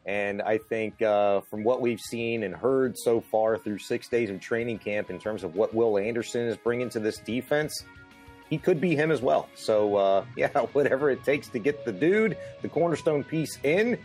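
A man co-hosting a casual sports talk show, speaking in a laid-back, measured way. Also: mid-range voice, darkish tone. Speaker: podcast co-host. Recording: faint music underneath.

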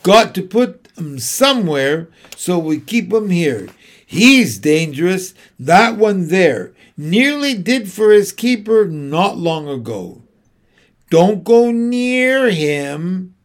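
A man's voice: high voice, very animated, slow pace, pitched above the performer's own voice, full character voice. A guy putting on a storybook lion, knowing and blunt, slightly raised voice. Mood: warning. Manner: confiding, warning. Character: knowing male zoo lion, gruff and matter-of-fact.

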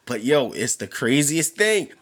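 A man's voice: medium pitch, sing-song, unhurried, a bit bright. Man, podcast host, casual chat, slangy, laughs a lot. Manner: laid-back, slangy, laughs often.

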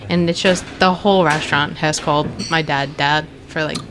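A woman's voice: low voice, steady tone, normal speed, noisy background. A young woman, the daughter of a restaurant owner, chatting casually as a guest with lots of "like" and "you know". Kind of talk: casual chat.

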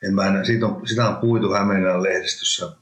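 A man's voice: deep voice, steady tone, a bit bright. A man, a former hockey player, talking casually in an interview with many restarts. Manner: rambling, halting, with many restarts. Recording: roomy echo.

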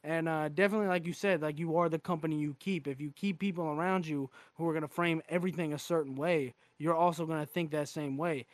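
A man's voice: fairly high pitch, steady tone, fast talker, few pauses, dry recording, clean studio sound. A man in his twenties hosting a podcast, frank and casual, swearing freely. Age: 20s. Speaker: podcast host.

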